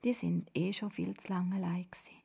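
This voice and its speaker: A woman's voice: fairly low pitch, steady tone, normal speed, creaky, mellow, slightly rough, exaggerated voice. A woman with a Swiss German accent voicing a grateful grown man in whispered role-play, earnest.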